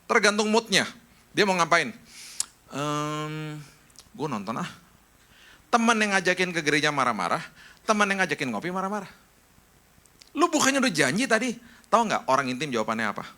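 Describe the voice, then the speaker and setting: A man's voice: fairly high pitch, sing-song, fast, sharp tone. A middle-aged male pastor preaching a sermon, telling stories and acting out the voices of friends and family.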